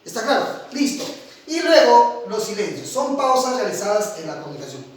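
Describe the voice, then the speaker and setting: A middle-aged male teacher giving an online lecture, animated, swinging between loud and quiet, often asking his students if they follow. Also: sits high, normal speed. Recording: very echoey room, voice from far off.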